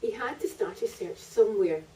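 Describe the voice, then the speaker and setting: With lively intonation and a warm, mid-range voice, a woman author reads her own narrative prose at a moderate pace. She's at a live festival reading in a library venue, recorded by a distant microphone.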